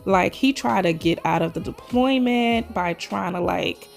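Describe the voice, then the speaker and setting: In a mid-range, unhurried voice with vocal fry, a Trinidadian woman narrates her nail video casually and chattily, using "y'all" all the time. Faint music plays underneath, and her voice is still a little scratchy, with a slight throat tickle, as she recovers from a sore throat.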